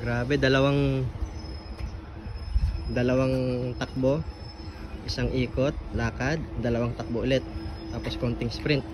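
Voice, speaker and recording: A man's voice: mid-range voice, little pitch movement, unhurried, pauses often. A man with a Filipino accent chatting casually and teasingly for a running vlog, outdoors in a park. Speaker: vlogger. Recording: noisy outdoor recording with traffic. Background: vehicles, outdoor ambience.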